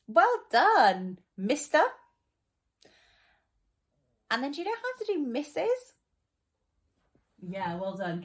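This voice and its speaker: Young female teacher, low-ish voice, patient and encouraging, walks kids through spelling. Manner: patient, encouraging, explains step by step. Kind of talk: children's spelling lesson.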